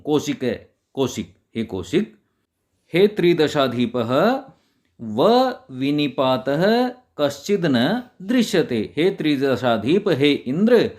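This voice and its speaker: Slow, lively-pitched male Sanskrit teacher. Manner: recites each Sanskrit word, then glosses it slowly. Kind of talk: line-by-line Sanskrit lesson with Hindi translation.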